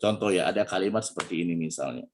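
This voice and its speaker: Deep-voiced Indonesian man coaching a crowd. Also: fast talker, slight background noise. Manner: chatty, peppers lines with "ya", asks the audience questions; acts out tones of voice to demonstrate intonation. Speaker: motivational coach giving a religious talk. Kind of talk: Islamic study talk with motivational coaching.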